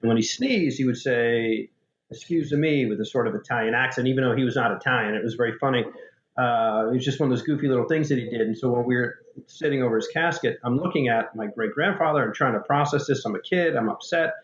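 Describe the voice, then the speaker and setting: Echoey dark-humored male storyteller. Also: medium pitch, quick pace, highs cut off, slight background noise. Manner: candid, dark-humored storyteller with many restarts. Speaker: author and paramedic guest. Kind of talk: storytelling in a podcast interview.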